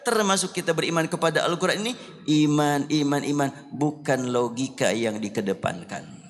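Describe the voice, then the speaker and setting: A man's voice: a little high, moderate pace. A male preacher giving a sermon in a large mosque hall, telling stories and asking rhetorical questions. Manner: lively storytelling with rhetorical questions. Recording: long hall reverb, faint hiss.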